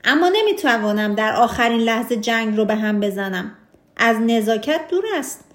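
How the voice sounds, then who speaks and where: A woman's voice: on the high side, expressive, lightly acted. A woman doing a stubborn, fussing storybook king. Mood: insistent. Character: proud stubborn storybook king, grown man. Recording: roomy echo.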